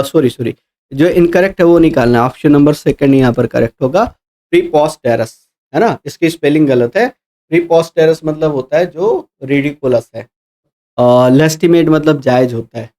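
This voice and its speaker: Explaining mock test answers, this male exam-prep teacher has a warm, mid-range voice. He works through each answer step by step, spelling letter by letter and fixing his own slips as he goes.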